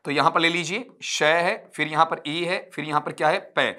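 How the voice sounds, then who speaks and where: A man's voice: on the high side, steady tone, moderate pace, pushed and bright. A male English teacher giving an online exam-prep phonetics lecture, patiently drilling sounds one at a time and addressing students as "beta". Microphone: recording from a desk for an uploaded class video.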